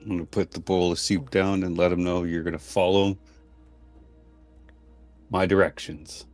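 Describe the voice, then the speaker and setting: A man's voice: deep voice, flat delivery, moderate pace, darkish tone, soft background music. A man talking casually as a player at a tabletop game, describing what his character does.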